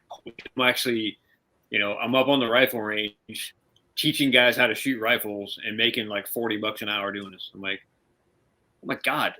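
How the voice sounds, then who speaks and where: A man's voice: fairly low pitch, pushed and bright, low-quality recording. A man hosting a podcast, a former police officer speaking candidly and laid-back, with some swearing. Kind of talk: casual podcast conversation.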